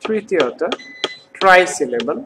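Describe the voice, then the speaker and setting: A man from Bangladesh teaching an English grammar lesson in Bengali. He repeats words slowly and asks the class questions as he goes. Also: on the high side, lively intonation, sharp tone, a little hiss or hum, poor audio.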